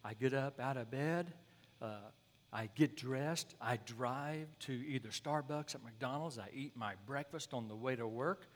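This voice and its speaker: A man's voice: medium pitch, unhurried, natural voice. A man voicing a laid-back young husband who casually describes his day. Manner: casual, matter-of-fact recounting. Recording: long hall reverb.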